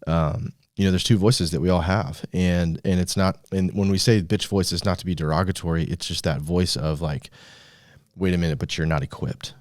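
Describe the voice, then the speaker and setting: Male podcast host, deep voice, casual and loose, dry close sound. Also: fairly even intonation, moderate pace, hardly any pauses, darkish tone, no room sound. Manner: loose and conversational, many fillers and restarts.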